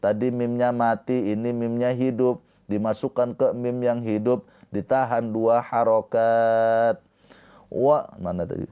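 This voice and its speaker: A man teaching Quran recitation rules in a slow, patient lesson, chanting verse phrases and then explaining them. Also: mid-range voice, flat delivery, mellow, clear, resonant tone, highs cut off. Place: live-streamed lesson.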